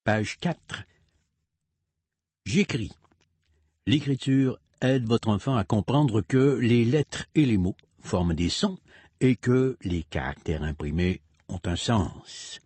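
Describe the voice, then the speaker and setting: A man reads aloud at an unhurried pace, his husky voice swinging widely and playfully in pitch. He breaks into a children's rhyme with silly sound effects. The recording is close and dry. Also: no room sound. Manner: slow, lively reading with playful sung sound effects. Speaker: reader of a parents' literacy booklet. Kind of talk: slow read-aloud narration with sung rhyme.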